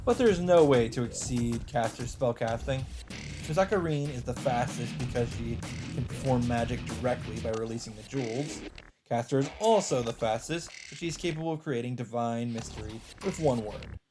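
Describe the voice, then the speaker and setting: The recording is rough, and game music plays beneath a man narrating a visual novel as a let's player. He reads in a scripted storytelling manner with a mid-range voice and moderate pace.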